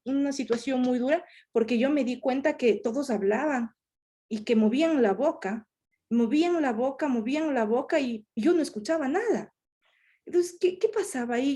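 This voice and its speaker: A woman voicing a deaf speaker's talk live in the first person, halting, with many fillers and restarts. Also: fairly high pitch, dark tone. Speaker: sign language interpreter voicing a deaf speaker. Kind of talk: live interpretation of a conference talk.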